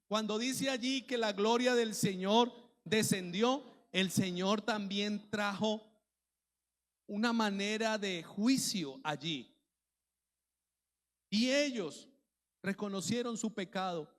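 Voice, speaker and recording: A man preaching as a pastor, in a lively way that acts out the worries of church members. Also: sits high, slow pace, pauses often. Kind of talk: sermon. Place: church hall. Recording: long hall reverb.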